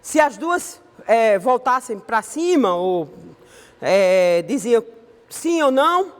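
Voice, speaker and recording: A woman's voice: on the high side, sing-song, slow pace, big-room sound. A woman with a Brazilian accent teaching an online Sunday school Bible lesson in a conversational way, often ending her sentences with a questioning tag. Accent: Brazilian Portuguese.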